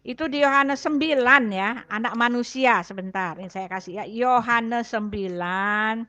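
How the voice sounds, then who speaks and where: A woman's voice: a little high, measured pace, bright, forceful tone, lo-fi sound. A woman serving as a church elder, chatting through scripture and thinking aloud while she hunts for Bible verses. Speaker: church elder giving testimony. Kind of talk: casual scripture explanation.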